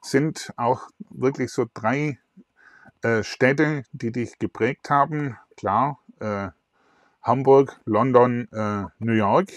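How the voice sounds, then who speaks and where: A man's voice: mid-range voice, takes it slowly, no echo. A middle-aged man hosting an online interview, chatty and full of fillers, talking into a lapel mic. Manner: chatty, filler-heavy questions. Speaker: host. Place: indoors in front of a virtual backdrop.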